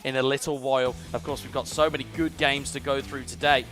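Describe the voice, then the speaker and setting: Calling a live esports match play by play, this British broadcaster from the UK sounds fluent and analytical. He speaks briskly in a steady, mid-range voice that's a bit bright, with faint music underneath.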